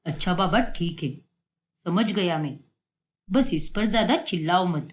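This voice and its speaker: A woman voicing a calm, gentle middle-aged father who soothes the family in an animated story. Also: on the low side, unhurried, pitched below the performer's own voice, natural voice. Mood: soothing. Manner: soothing, mild.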